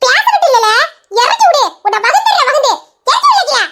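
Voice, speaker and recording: A woman's voice: extremely high pitch, big pitch swings, a little fast, sharp tone, pitched above the performer's own voice, full character voice. A woman doing a feisty cackling grandma. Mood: teasing. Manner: scolding, cackling threats with laughs. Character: feisty old village grandmother, sharp-tongued. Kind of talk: comic storybook voice acting.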